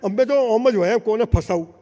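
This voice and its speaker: A man's voice: high voice, brisk, dark tone. A man giving a motivational speech to a live audience, telling stories with acted dialogue and rising to emphatic calls. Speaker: motivational speaker. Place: large hall, before a seated audience. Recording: long hall reverb.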